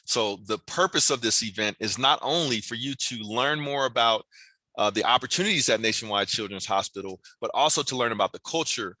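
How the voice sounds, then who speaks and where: A man's voice: mid-range voice, fairly quick, sharp tone, no room sound, poor audio. An American man hosting an online event with a semi-scripted introduction, courteous, organized and businesslike. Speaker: host, moderator of a recruitment event.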